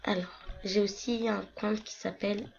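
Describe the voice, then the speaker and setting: A young woman with a hoarse voice, chatting casually and rambling with many fillers as she walks through her game accounts on a screen recording. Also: medium pitch, steady tone, moderate pace. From France. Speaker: gaming vlogger. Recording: lo-fi computer mic with faint noise.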